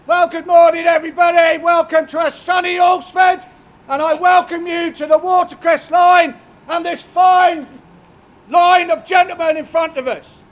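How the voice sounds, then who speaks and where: A man making a town crier's proclamation in loud, drawn-out ceremonial shouts. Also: very high-pitched, level tone.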